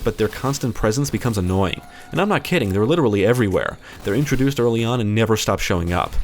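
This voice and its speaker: A man with a fairly low voice reads a scripted game review at a quick clip. It is a voice-over, with faint noise behind him.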